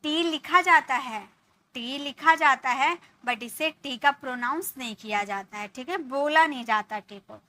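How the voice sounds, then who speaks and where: A woman's voice: sits high, bright, forceful tone, dry recording. A woman teaching English vocabulary in Hindi, spelling each word letter by letter and repeating meanings patiently. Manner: spells words letter by letter, then repeats slowly.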